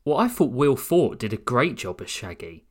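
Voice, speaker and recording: A man's voice: medium pitch, very animated, moderate pace. A man co-hosting a podcast, chatting casually about cartoons, often hesitating with ums. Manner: hesitant, many ums, agreeable. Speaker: podcast co-host.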